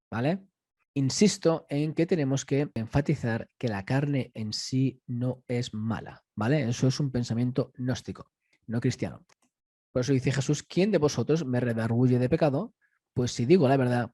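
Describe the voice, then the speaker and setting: Male Bible teacher, mellow, dry close sound, patient explanatory delivery. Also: medium pitch, no echo. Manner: explanatory, repeats "¿vale?" and "¿no?".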